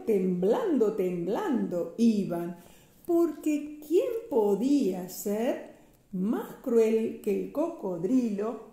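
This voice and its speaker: An older woman with a Rioplatense accent reading a children's picture book aloud, slow, sing-song and expressive. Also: on the high side, roomy sound. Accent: Rioplatense Spanish. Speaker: storyteller grandmother.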